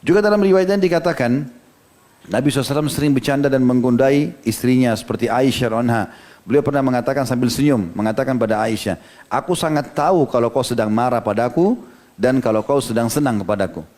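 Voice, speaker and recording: A man's voice: mid-range voice, quick pace, darkish tone. A man preaching an Islamic sermon, retelling stories with quoted dialogue. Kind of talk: sermon with storytelling.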